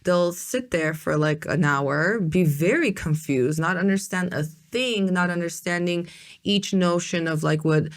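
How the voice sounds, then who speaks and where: Hosting a podcast, an American woman chats casually with her guest in an unhurried, lowish voice. Her talk rambles and is packed with fillers such as "like" and "um."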